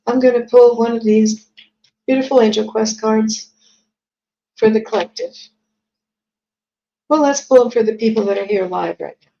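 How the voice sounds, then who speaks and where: Hosting a live psychic reading stream, a woman casually reads viewer comments aloud, pausing often. Her voice is warm yet scratchy and gravelly, on the high side, at a moderate pace. The stream audio sounds dull and lo-fi.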